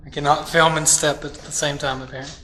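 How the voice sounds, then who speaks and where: A man's voice: fairly high pitch, level tone, fast, noisy background. A man investigating an old house on a ghost hunt, giving casual running commentary to his crew. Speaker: paranormal investigator. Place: inside a hot old house. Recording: reverberant interior with music.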